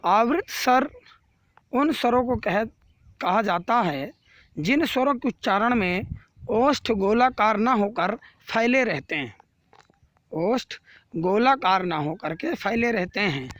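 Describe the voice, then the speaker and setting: Slow, patient male Hindi teacher. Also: high-pitched, animated, a bit bright, no echo. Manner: repeats each rule, then asks and answers his own question. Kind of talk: grammar lesson for children.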